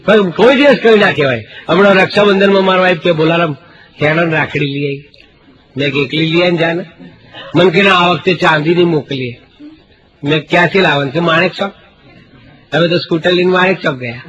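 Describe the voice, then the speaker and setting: A man's voice: sits high, fairly quick, low-quality recording. A middle-aged Gujarati man telling comic stories on stage, acting out the voices of the people in them. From Gujarat, India. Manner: animated, acts out quoted voices for jokes. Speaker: stand-up comedian. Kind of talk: stand-up comedy storytelling. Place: stage before a live audience. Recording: live show with loud crowd laughter.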